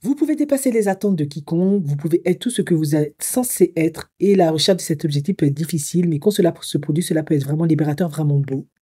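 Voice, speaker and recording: A woman's voice: deep voice, quick pace, hardly any pauses, dark tone, breathy edge. A woman, a coach talking through her views in a commentary vlog, musing and hesitant as she thinks aloud, sometimes reading a text. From Africa. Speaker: psycho-emotional coach.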